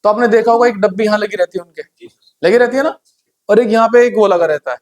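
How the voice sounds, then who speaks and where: Male teacher, high voice, chatty classroom lecture full of questions to students. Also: fast talker. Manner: conversational, asks the class questions. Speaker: computer hardware teacher.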